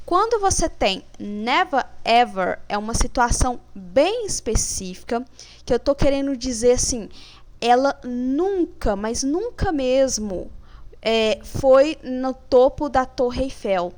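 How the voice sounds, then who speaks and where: Woman teacher, slow deliberate explaining, fairly high voice. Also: animated, a little mellow. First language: Portuguese. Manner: slow, careful, reads examples deliberately. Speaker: English teacher. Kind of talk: explaining grammar exercises.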